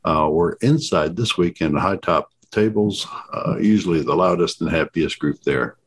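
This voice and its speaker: Deep, husky co-host man. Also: normal speed. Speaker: podcast co-host. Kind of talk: casual podcast chat.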